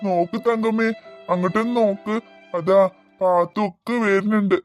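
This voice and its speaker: A woman voicing a gentle cartoon village woman, soothing and coaxing her grieving friend. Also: mid-range voice, steady tone, moderate pace, natural voice. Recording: faint music behind the voice.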